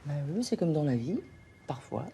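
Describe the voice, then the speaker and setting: An actress playing a frank, teasing forensic police specialist in a TV crime drama, familiar and direct. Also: female voice, low-pitched, sing-song, moderate pace, dark tone, a little hiss or hum. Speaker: actor in a police series. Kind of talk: naturalistic TV crime drama acting.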